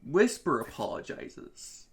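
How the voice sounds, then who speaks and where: A man co-hosting a casual comic review, recapping the plot in a halting, wry way. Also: medium pitch, wildly swooping pitch, gravelly. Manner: halting, many fillers and restarts, wry. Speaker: podcast co-host.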